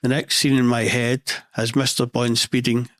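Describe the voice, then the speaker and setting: Deadpan Scottish man with a monotone voice. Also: medium pitch, moderate pace, no room sound. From Scotland. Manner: dry, deadpan humour. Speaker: podcast host. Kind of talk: scripted podcast monologue.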